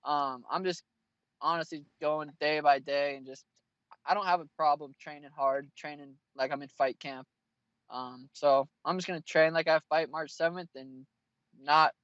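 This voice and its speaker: A man's voice: a little high, fairly even intonation, normal speed, a bit bright, dry recording. Blunt, profane young man with muffled audio. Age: 20s. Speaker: fighter, interview guest. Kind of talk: casual interview answers.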